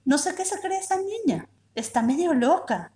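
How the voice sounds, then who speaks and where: A woman doing a shrill exasperated mother. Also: very animated, moderate pace, mellow.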